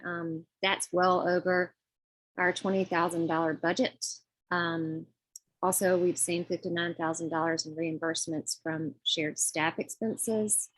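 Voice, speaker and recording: Polite woman, lowish voice, presenting finances. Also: fairly bright tone, no room sound, rough recording. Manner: polite, informal, hesitant with frequent pauses. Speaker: finance committee treasurer presenting budget report. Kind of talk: semi-formal financial presentation on a group call.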